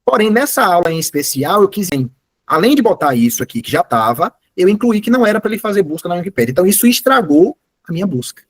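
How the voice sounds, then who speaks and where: A man's voice: high voice, very animated, fast talker, no room sound. A man giving a live online class, explaining step by step and often correcting himself mid-sentence. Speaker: course instructor.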